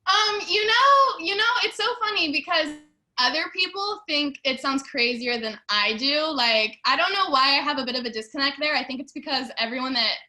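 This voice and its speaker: Young woman, interview guest, bubbly, chatty, high bright voice. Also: moderate pace. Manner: bubbly, chatty, lots of fillers. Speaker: actress and social media creator. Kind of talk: casual interview chat.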